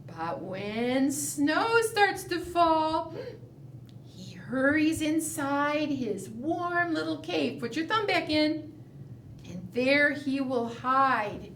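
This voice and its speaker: A children's librarian leads preschool storytime, reading aloud and doing fingerplay in a high, animated, slightly bright voice. She goes very unhurriedly with a sing-song lilt, asking the little ones questions. The distant mic gives a roomy, echoey sound with faint background noise.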